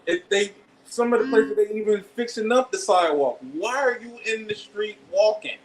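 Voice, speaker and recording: Slightly high-voiced man ranting casually. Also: slight background noise, low-quality recording. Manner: halting, starts with repeated "I"s, ranting. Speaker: podcast co-host. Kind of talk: casual live podcast chat.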